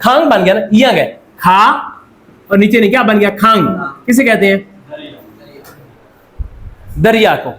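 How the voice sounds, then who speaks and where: A man's voice: high voice, unhurried, pauses often, fairly bright tone. A Pakistani man teaching a classroom lecture, quizzing students and repeating their answers. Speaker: Korean language teacher.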